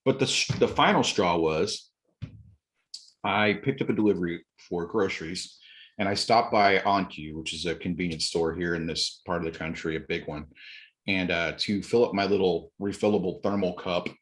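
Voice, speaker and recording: A man telling stories in a relaxed podcast chat, acting out quoted exchanges with bursts of energy. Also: low voice, normal speed. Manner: animated retelling, acts out quotes, occasional laughs. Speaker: podcast guest. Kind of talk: casual storytelling.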